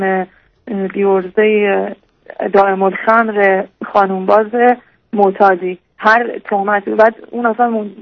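A woman's voice: medium pitch, vocal fry. A young woman calling a radio advice show, telling a personal story hesitantly, with many fillers and restarts. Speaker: radio caller. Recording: muffled lo-fi radio line.

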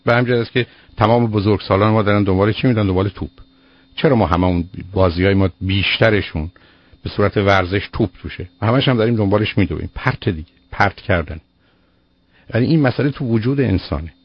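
A man's voice: fairly low pitch, husky, dry recording. A man giving firm child-rearing advice to a caller on a call-in show, explaining with everyday examples. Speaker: child psychologist answering a caller. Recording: dull lo-fi radio broadcast.

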